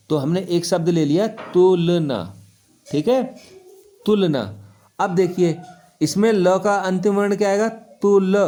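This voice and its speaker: A man's voice: sits high, darkish tone. A man teaching children a grammar lesson, asking questions and answering them himself, repeating key words and checking if they follow.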